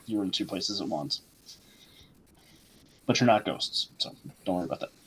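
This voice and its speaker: A man narrating a tabletop game as game master, descriptive and unhurried, with frequent fillers. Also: low-pitched, a little hiss or hum, poor audio.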